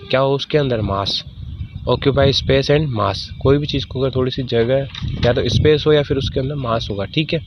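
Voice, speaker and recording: A male chemistry teacher giving a slide lecture. He reads English terms slowly, then explains them, and keeps asking questions that he answers himself. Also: medium pitch. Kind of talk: classroom lecture over slides. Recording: dull lo-fi sound with faint background noise.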